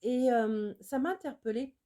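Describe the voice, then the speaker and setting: A woman's voice: fairly high pitch, normal speed, warm tone. A woman working as an energy healer, speaking to viewers in an earnest, reflective improvised monologue. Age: adult with children.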